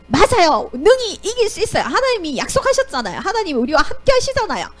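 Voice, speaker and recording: Brief: eager, encouraging man of faith, bright and lively, storybook telling, put on by a woman. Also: extremely high pitch, fast talker, soft background music, pitched above the performer's own voice, heavily acted. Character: brave, faithful Israelite man.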